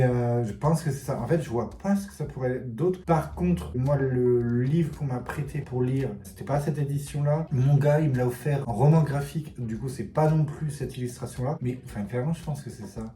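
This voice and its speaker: A man hosting a casual book cover quiz vlog, thinking aloud and often trailing off softly. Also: mid-range voice. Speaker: book vlogger. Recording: roomy echo, faint background music.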